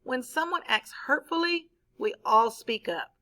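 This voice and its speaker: A woman teacher voicing a kind schoolgirl in a read-aloud story, speaking softly but firmly. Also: sits high, expressive, a little slow, heavily acted. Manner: soft but firm. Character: kind, firm schoolgirl classmate.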